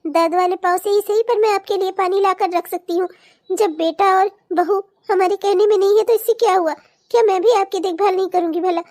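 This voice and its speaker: Woman doing a very high frail old granny. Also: fairly even intonation, a little fast, a little mellow. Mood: pleading. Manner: pleading, calls out repeatedly. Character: frail old mother-in-law with aching legs. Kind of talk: cartoon voice acting.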